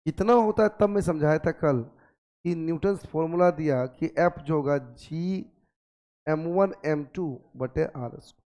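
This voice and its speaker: A man teaching a physics class, nursing a sore throat, coaxing and gently scolding his students with repeated questions. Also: a little high, a little slow. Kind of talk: classroom lecture.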